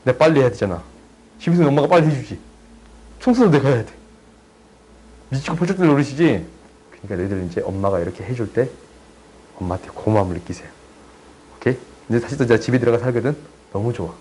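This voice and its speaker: A young man tutoring high school math in a chatty, teasing way, often checking that students follow. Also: expressive, fast talker, pauses often, darkish tone, a little hiss or hum, rough recording. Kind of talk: casual online math lesson.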